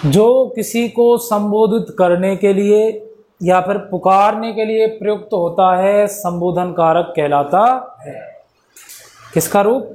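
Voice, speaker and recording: High-voiced man teaching grammar playfully. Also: fairly even intonation, takes it slowly, a little mellow. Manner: playful, acts out examples with laughter. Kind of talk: casual classroom lesson. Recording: echoey room with faint background noise.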